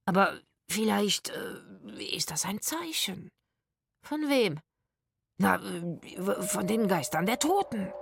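A woman's voice: medium pitch, lively intonation, slow, vocal fry, hardly any pauses, a little mellow, husky, dry recording, full character voice. A woman voicing a whiny, fearful middle-aged male crook who stammers and frets, read as a storybook character. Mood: stammering scared. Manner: stammering, jittery.

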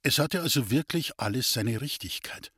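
Husky man reading a story aloud. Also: mid-range voice, lively intonation, normal speed, sharp tone, no room sound, studio quality. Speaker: audiobook narrator. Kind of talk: scripted narration.

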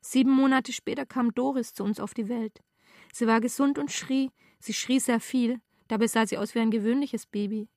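Woman, literary reading, deadpan, measured, slightly high voice, dry close sound. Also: no echo.

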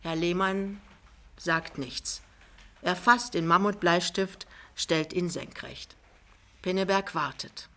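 A woman reading a novel aloud as an audiobook, in a measured, expressive way. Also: lowish voice. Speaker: audiobook reader. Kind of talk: literary audiobook narration.

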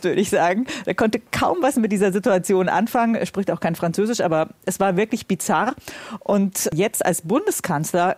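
A woman's voice: lowish voice, a little mellow, dry recording. Colloquial female correspondent, very dry sound. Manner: colloquial and opinionated. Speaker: news correspondent. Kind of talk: spontaneous interview answers.

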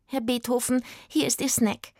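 Woman voicing a polite, brisk young maid. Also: a little high, fairly even intonation, darkish tone, no room sound, clean studio sound, voice pushed up.

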